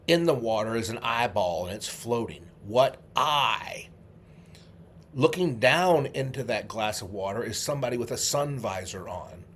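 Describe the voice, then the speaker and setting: A middle-aged man, a memory trainer, leading a guided memory exercise, coaching the listener through vivid images with slow, drawn-out repetition. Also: medium pitch, lively intonation, a little hiss or hum. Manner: slow, drawn-out repetition with sudden loud "ta-da" bursts; vivid, coaxing visualization instructions.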